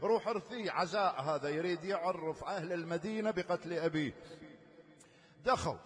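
A man's voice: a little high, a little fast, fairly bright tone. A man preaching a mourning sermon, telling a story and breaking into sung laments. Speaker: preacher reciting a mourning narrative. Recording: echoey hall reverb.

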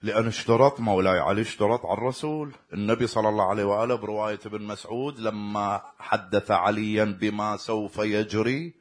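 A man's voice: lowish voice, fairly even intonation, fast. A man preaching a mourning sermon that rises from spoken storytelling into a wailing chanted elegy.

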